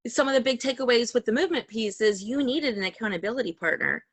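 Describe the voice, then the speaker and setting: A woman's voice: a little high, fast, no room sound. A woman hosting a podcast over a call, talking in a chatty, rambling way and laughing often. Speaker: podcast host. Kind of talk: casual interview chat. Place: home call. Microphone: video call.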